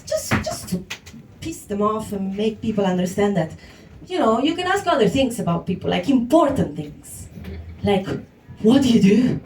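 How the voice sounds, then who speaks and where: A stand-up comedian, joking playfully with the crowd on a handheld mic in a small venue, often laughing and mocking other voices. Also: female voice, mid-range voice, big pitch swings, normal speed. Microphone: handheld microphone. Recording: echoey room, far from camera, noisy.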